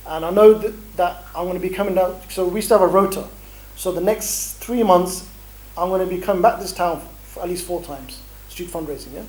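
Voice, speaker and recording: A middle-aged man leading a training workshop, animated and bantering, acting out street encounters as he talks. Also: high-pitched, fairly quick, low-quality recording. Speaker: dawah trainer. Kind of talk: energetic workshop talk.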